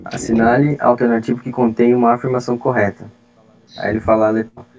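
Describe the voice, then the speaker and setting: A man explains grammar answers one step at a time on a video call. His voice sits at an ordinary pitch. The call audio is dull and lo-fi. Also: flat delivery, quick pace, darkish tone. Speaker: study group leader explaining exam questions.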